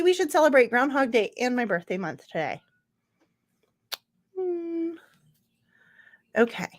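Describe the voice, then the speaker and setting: A woman's voice: fairly high pitch, dry recording, studio quality. A woman hosting a casual livestream from a room at home, chatting in a rambling way, answering viewers by name and laughing often. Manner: laughs often, trails off mid-sentence. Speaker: livestream host. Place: home room with computer screens.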